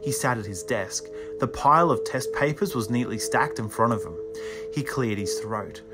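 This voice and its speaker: A man reading a children's horror story aloud in a measured, suspenseful first-person narration, with music underneath. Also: medium pitch. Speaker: audiobook reader.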